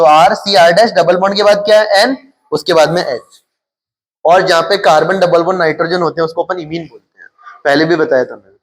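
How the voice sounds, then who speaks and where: A man's voice: high-pitched, a bit bright. A male chemistry teacher with a Hindi accent lecturing his class. He keeps asking questions and answers them himself, repeating the key terms.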